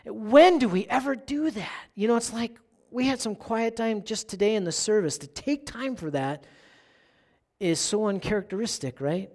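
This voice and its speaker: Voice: mid-range voice, animated, normal speed, darkish tone. Pastor preaching in a conversational way. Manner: conversational, keeps asking "right?"; asks the listeners questions. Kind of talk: sermon.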